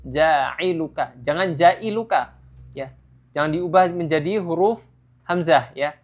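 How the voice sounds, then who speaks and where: A teacher giving a patient tajwid lesson, modelling each sound slowly and tagging phrases with a steady "ya". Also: medium pitch, highs cut off. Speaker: Quran recitation teacher.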